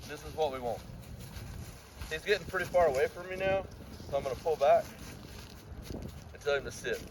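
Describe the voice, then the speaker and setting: A man's voice: on the high side, normal speed, noisy background. A man working as a dog trainer, explaining each step of a walk while giving his dog commands outside. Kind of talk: outdoor training demonstration.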